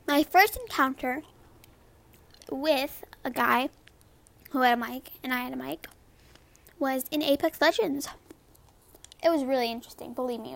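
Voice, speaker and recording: A young woman with a high girlish voice, chatting casually about gaming, rambling with many fillers and repeated words. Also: creaky, fairly bright tone. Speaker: gamer vlogger. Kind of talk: casual chat to camera.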